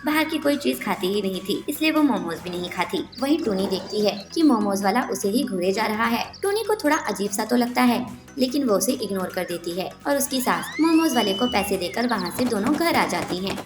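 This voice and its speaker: A woman narrates a children's cartoon story with lively, expressive delivery. Cheerful music plays clearly behind her voice. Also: medium pitch.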